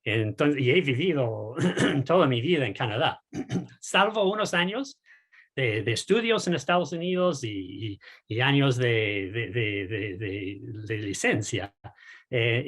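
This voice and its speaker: Hesitant man in his sixties, husky. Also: mid-range voice, very animated, unhurried, fairly bright tone. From United States. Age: 60s. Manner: hesitant, many repeated words and fillers. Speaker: guest political scientist. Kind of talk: casual interview answers.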